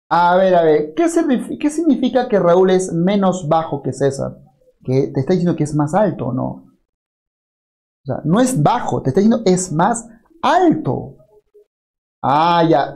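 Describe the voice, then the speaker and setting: Lively man teaching a math lesson. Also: high voice. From Peru. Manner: lively, rhetorical tag questions, walks through each step aloud. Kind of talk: online class lecture.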